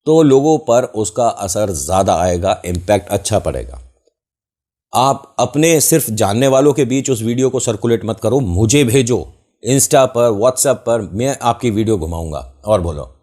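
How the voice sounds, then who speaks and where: A man hosts his own channel, telling a story in a chatty, animated way. He acts out the lines of the people he quotes. His pitch sits in an ordinary middle range. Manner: animated retelling, acting out quoted voices. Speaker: YouTube channel host. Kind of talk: casual storytelling monologue.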